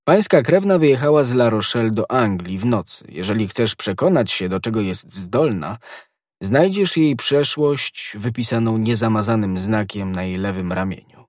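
A man voicing a refined, self-assured poet musketeer in an audiobook, speaking gently and slowly with stress on each phrase. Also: lowish voice, lively intonation, no echo, studio quality, close to an everyday voice. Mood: reading aloud. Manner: gentle, measured, emphatic reading.

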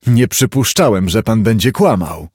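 A man reading an audiobook, voicing a pale, stunted, sinister man with a hoarse voice, curt and guarded. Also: fairly low pitch, animated, moderate pace, darkish tone, no echo, clean studio sound. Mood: angry. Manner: curt, guarded, with flashes of anger. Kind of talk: audiobook character voice.

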